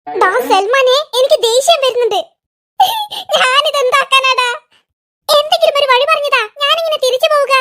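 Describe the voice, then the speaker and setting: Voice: very high voice, moderate pace, heavy background noise. A voice actor playing a hapless cartoon boy who lost his trousers, talking in a whiny, indignant, pleading way. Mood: annoyed. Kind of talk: cartoon voice acting.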